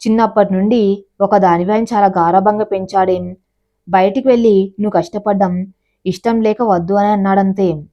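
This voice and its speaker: A woman's voice: medium pitch, steady tone, moderate pace, dull audio, natural voice. A woman voicing a teasing, wry mother in a family story.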